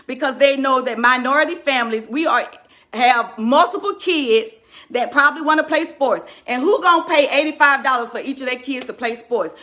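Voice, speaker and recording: A woman's voice: sits high, pushed and bright. A woman ranting straight to her viewers, indignant and emphatic, shaking with anger. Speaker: community activist addressing followers. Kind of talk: impassioned direct-to-camera rant.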